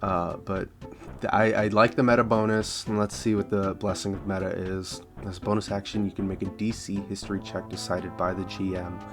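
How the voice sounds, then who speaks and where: Low-voiced man rambling through game rules. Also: little pitch movement, brisk, music in the background. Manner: rambling, repeats phrases, thinks aloud. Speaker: tabletop game content creator. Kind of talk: casual review of homebrew game rules.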